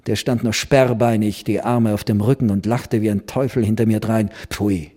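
A man's voice: lowish voice, normal speed. A man reading a classic story aloud, acting out the dialogue with expression. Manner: expressive, voices the characters. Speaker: reader. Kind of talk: literary reading with acted dialogue.

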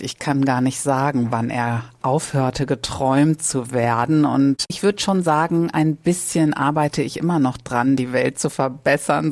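A woman's voice: extremely low pitch, darkish tone, no echo. A fifty-one-year-old woman, a science editor, talking earnestly as a radio guest. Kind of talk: conversational radio interview.

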